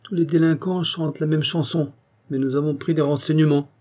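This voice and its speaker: A man's voice: on the high side, little pitch movement, a little fast, voice pushed up, lightly acted. A man doing a sour, curt tax collector. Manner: curt and sharp.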